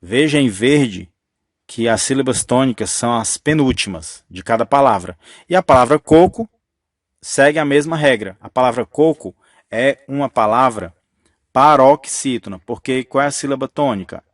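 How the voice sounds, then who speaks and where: A man's voice: medium pitch, normal speed, dry recording. Methodical male grammar teacher, dry close sound. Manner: patient, methodical, repeats key rules. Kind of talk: explanatory grammar lesson.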